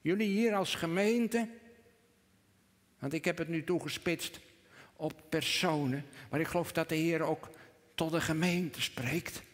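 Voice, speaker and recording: A man, preaching a sermon in church, earnest, rising to emphatic peaks and dropping to a hush. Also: on the high side, unhurried, long pauses. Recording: long reverb of a church hall.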